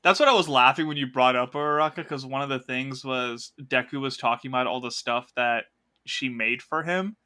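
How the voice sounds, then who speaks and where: A man co-hosting a podcast in casual chat, animated and laughing as he acts out quotes. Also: medium pitch, fairly quick. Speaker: podcast co-host.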